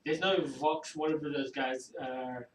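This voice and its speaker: A man's voice: medium pitch, fairly even intonation, unhurried, a crowd in the background. A man playing a tabletop game, talking in a casual, offhand way. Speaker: player. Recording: roomy, distant mic, faint noise.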